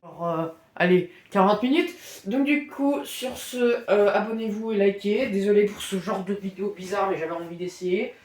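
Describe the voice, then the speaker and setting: A woman giving casual reaction commentary on a video, excitable, swearing freely and full of fillers. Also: mid-range voice, moderate pace, hardly any pauses, roomy sound.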